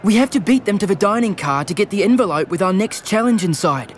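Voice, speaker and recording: A man's voice: high voice, animated, quick pace. Young male adventure racer played by a man: earnest, anxious but organised, conversational, outdoor noise behind. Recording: clear background noise, outdoor ambience.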